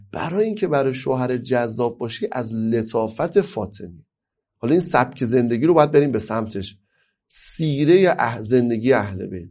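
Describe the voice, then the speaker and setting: A man from Iran gives a lecture on family life. He is emphatic, asks rhetorical questions and answers them himself, and draws key phrases out slowly before speeding up. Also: mid-range voice, a little mellow.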